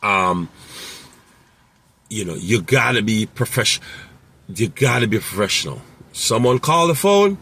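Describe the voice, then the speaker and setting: A man's voice: lowish voice, measured pace, long pauses, bright, forceful tone, husky. A man who runs a mobile mechanic business, giving casual, rambling advice with many fillers and repeated phrases.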